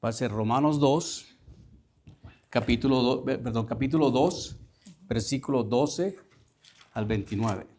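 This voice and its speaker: A male priest giving a sermon, asking the congregation questions and repeating lines slowly for emphasis. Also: mid-range voice, a little mellow. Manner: questioning the listeners, slow emphatic reading.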